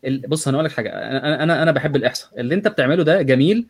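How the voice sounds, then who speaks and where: A man's voice: on the high side, expressive, racing, husky. A man with an Egyptian accent in casual conversation, questioning as he goes and dropping English technical terms into his speech. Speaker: conversation partner questioning the analysis. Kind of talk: casual chat.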